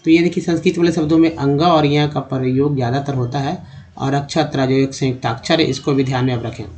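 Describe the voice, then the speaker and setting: A man's voice: mid-range voice, fairly even intonation, darkish tone. Man spelling out English words in Hindi. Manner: spells words out letter by letter, slowly sounding them out; calls viewers "dosto" in a friendly teaching tone. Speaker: English teacher. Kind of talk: Hindi-language English reading lesson.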